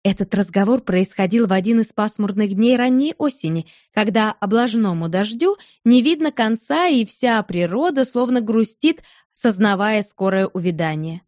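A woman reading a literary story aloud in a measured, even narration. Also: medium pitch, dry recording, studio quality. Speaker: audiobook narrator.

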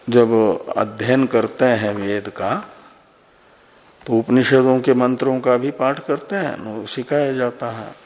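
A man, a monk, giving a scripture discourse, speaking deliberately and posing questions to his listeners before answering them himself. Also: medium pitch, darkish tone.

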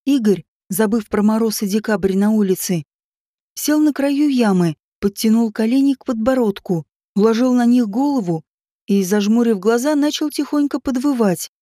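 A woman narrating an audiobook in an even, steady storytelling manner. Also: a little high, moderate pace, no echo, clean studio sound. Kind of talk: scripted narration.

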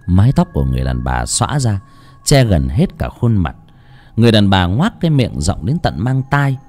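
Brief: male audiobook narrator, warm, dark tone, highly animated delivery. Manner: expressive storytelling with wide swings in pitch. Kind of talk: scripted horror story narration. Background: faint music.

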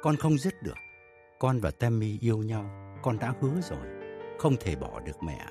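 A man voicing a firm calm young son. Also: on the low side, normal speed, music in the background. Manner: plain, firm, brief answers.

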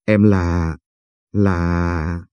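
A man voicing a shy, polite young woman with a limp, speaking softly and timidly in a storybook reading. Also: low-pitched, steady tone, extremely slow, clear, resonant tone, no room sound, highs cut off, pitched below the performer's own voice. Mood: shy, teasing.

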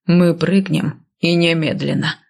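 A woman's voice: low voice, fairly even intonation, a little slow, creaky, a little mellow, slightly rough, heavily acted. A woman voicing a grim, stubborn man cursed and bound to death, curt and stern, in an audiobook. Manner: stern, curt, speaking through clenched teeth. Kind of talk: audiobook character voice.

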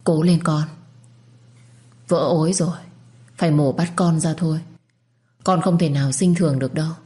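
A woman's voice: low-pitched, steady tone, normal speed, warm tone, natural voice. A woman voicing a worried older aunt who speaks urgently and motherly. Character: worried older aunt, caring but stern.

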